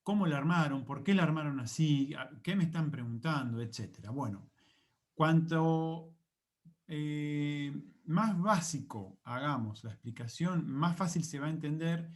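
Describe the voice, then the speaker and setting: A man's voice: fairly high pitch, lively intonation, unhurried. A man with an Argentine Spanish accent, an English teacher explaining a lesson to camera in a chatty, patient way. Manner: chatty and patient, with voiced examples and rising questions.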